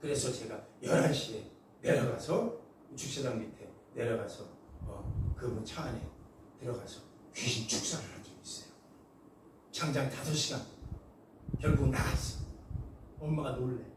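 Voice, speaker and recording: A male pastor preaching a sermon, telling stories in an animated way and acting out the voices. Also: medium pitch, normal speed, long pauses. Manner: animated storytelling, acts out voices. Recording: echoey hall from far off, faint noise.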